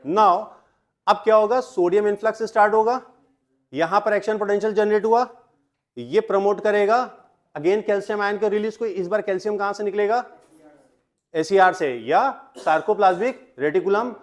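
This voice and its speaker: A high-pitched young man teaches biology in a classroom. He keeps asking the students questions and answers each one himself, dropping English terms into his explanations. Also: moderate pace. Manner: mixes Hindi with English terms. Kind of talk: classroom lecture.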